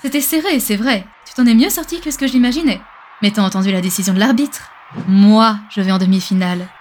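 A woman's voice: mid-range voice, fast talker, darkish tone, close to an everyday voice. A woman playing a smug, mocking young rival racer. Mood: gloating. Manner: mocking, condescending.

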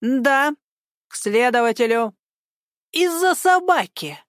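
Brief: woman reading as a stubborn old busybody, bossy, shrill and insistent, dry close sound. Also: expressive, takes it slowly, no echo. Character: stubborn elderly woman activist, loud and bossy.

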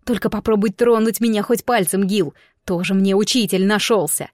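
A woman plays a defiant, hot-tempered young bride who snaps back sharply, acting it lightly. Her voice is medium-pitched and darkish, with fairly even intonation at a normal speed, captured dry in studio quality.

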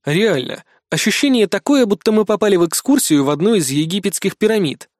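A storyteller with a mid-pitched voice and a wry edge. Recorded close and dry, with no room sound around it. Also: expressive, fairly quick, a little mellow, dry recording. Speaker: audiobook reader. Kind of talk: first-person fiction narration.

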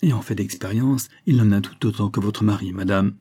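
A man voicing a sharp, scolding spinster sister-in-law who contradicts everything. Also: on the low side, brisk, husky. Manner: sour and contradicting.

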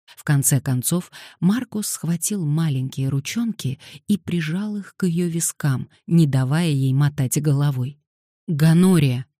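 Brief: woman audiobook narrator, deep-set and warm in tone, even wry delivery. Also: measured pace, dry recording, studio quality.

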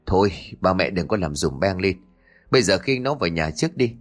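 Uneasy young son, played by the male narrator, hesitant and low-key, for an audio story. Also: animated, brisk, soft background music. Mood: pleading. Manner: hesitant, stammering.

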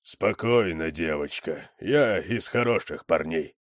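A man voicing a big fat male cook in an audiobook, calm, slow and easygoing. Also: low voice, no echo, clean studio sound, pitched below the performer's own voice. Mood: soothing.

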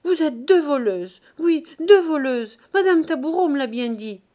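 A woman reading an audiobook and voicing a timid young maid, high and strained as if close to tears. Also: animated, a little slow, warm tone. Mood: outraged. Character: tearful timid young maid, shrill and whiny.

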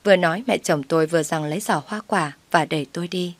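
A woman narrating a dramatic first-person story in a brisk, plain way. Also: lowish voice, dry recording.

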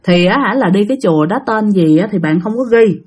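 A woman's voice: medium pitch, quick pace, a little mellow, breathy edge. A woman narrating a ghost story, chatty and addressing listeners directly.

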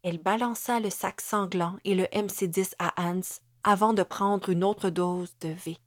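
A woman with a Québécois accent reads scripted audiobook narration at a measured, dramatic pace. Her voice sits in a middle pitch. The recording is dry and close, with no room sound. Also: fairly even intonation, no room sound.

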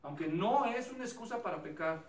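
A man's voice: sits high, animated, brisk. A man preaching a sermon in a conversational, self-deprecating way, often checking in with his listeners. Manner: conversational, self-deprecating, asks the audience questions. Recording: echoey hall, distant mic, faint ambience.

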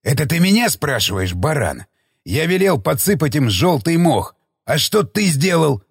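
A man's voice: on the high side, sing-song, moderate pace, vocal fry, breathy edge, no room sound, studio quality, heavily acted. Man voicing a furious, barking army commander. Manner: barking, abusive, threatening. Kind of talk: audiobook character reading.

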